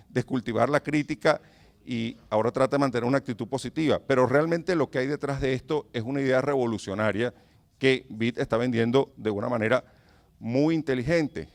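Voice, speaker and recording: A Venezuelan man with a Venezuelan Spanish accent giving a public lecture as a professor, earnest and emphatic, putting rhetorical questions to his audience. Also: mid-range voice.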